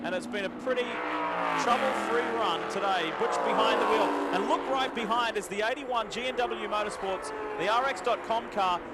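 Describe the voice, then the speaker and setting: A man's voice: high voice, normal speed. A man giving live motorsport commentary as the lead announcer. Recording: loud engine noise behind commentary. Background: race cars.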